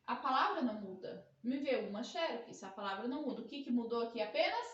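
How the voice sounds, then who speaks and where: Brazilian woman teacher, high voice, echoey room, patient tag-heavy explaining. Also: sing-song, lo-fi sound. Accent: Brazilian Portuguese. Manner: slow, drawn-out teacher explanations with frequent checking tags. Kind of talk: grammar lesson.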